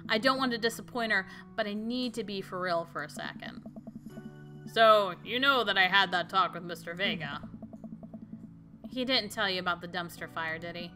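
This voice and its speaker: A woman reading the lines of a caring, sentimental dad talking to his daughter in an earnest, gently emotional way. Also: medium pitch, normal speed, soft background music, close to an everyday voice.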